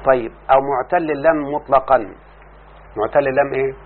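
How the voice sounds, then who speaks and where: A man with an Egyptian accent teaching a classroom lesson, explaining slowly and often checking that his students follow. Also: medium pitch, fairly even intonation. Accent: Egyptian Arabic. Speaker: teacher of Arabic morphology. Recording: tinny lo-fi line with faint hum.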